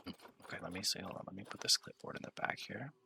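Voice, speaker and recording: A young man streaming a zoo-building game, rambling and thinking aloud in a relaxed, mumbling way. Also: low-pitched, very fast, gravelly, a little hiss or hum. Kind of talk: relaxed gameplay chat.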